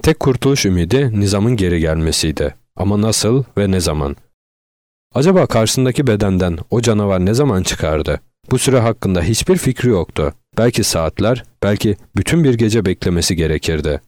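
A man narrating an audiobook in a steady, measured reading voice, close to the microphone. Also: on the low side, no room sound.

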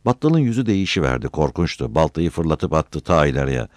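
A man narrating a novel as an audiobook, with expressive storytelling. His voice is low yet swings widely in pitch. The recording is dry and close, with no room sound. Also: a little fast, dry recording.

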